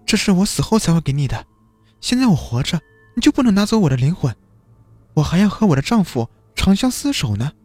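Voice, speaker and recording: A frightened young woman, played by a man in a high, strained voice that rises sharply as she panics. Her pleas are urgent. The sound is dry, with faint music behind. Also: very animated, fairly quick, darkish tone, no echo. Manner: pleading, panicked.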